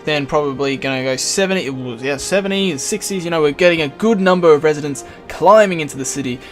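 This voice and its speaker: A gaming channel host talks through his moves in a casual let's play, relaxed and thinking aloud while he builds. His voice is fairly high and quick, with faint music behind it.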